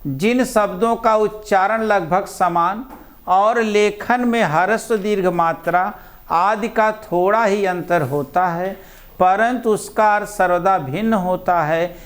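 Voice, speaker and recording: A male teacher giving a classroom lesson with a slight tinge, speaking patiently and repeating words slowly for his students. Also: sits high. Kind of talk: classroom lecture.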